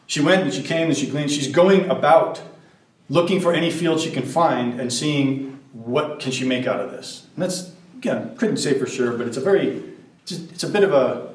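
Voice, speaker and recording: A man's voice: medium pitch, moderate pace, darkish tone. A man giving a conversational sermon and thinking aloud, with fillers and restarts. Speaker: preacher. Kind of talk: sermon teaching. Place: church hall. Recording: roomy, from a distance.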